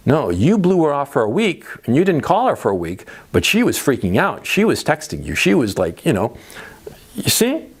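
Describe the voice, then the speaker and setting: A man's voice: a little high, huge pitch swings, moderate pace, breathy edge. A middle-aged man, a native Spanish speaker, coaching on dating in a monologue, repeating points and checking in with "right?" and "okay?". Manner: rhetorical questions, frequent "right?" and "okay?" tag checks; repeats himself for emphasis. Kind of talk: monologue giving dating advice.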